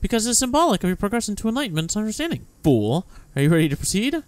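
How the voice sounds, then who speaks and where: A man's voice: high-pitched, sing-song, very fast, no room sound. A man voicing an imperious, scornful genie riddle keeper in a fantasy game, grand and commanding. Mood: imperious, taunting.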